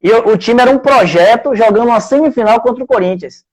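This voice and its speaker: A man with a noticeably high-pitched voice and a Brazilian Portuguese accent, talking as a sports coach in a live interview. He is earnest and conversational, and he slips into the voices of the people in his stories as he tells them. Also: quick pace, darkish tone, rough recording. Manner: earnest, conversational, acts out quoted speech. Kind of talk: live interview, telling anecdotes.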